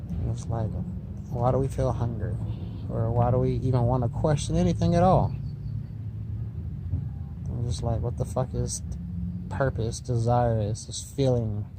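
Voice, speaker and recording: A man's voice: medium pitch, a little slow, pauses often. A man tripping on mushrooms, musing in a spaced-out, drifting, repetitive philosophical monologue addressed to the listener. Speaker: vlogger. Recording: noisy recording with vehicle-like ambient noise.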